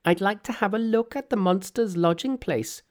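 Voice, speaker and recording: Monkey, a man doing a brash high voice. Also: normal speed, natural voice. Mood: cocky. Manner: brash, teasing, high-pitched put-on voice. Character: boastful mischievous male monkey hero, cocky.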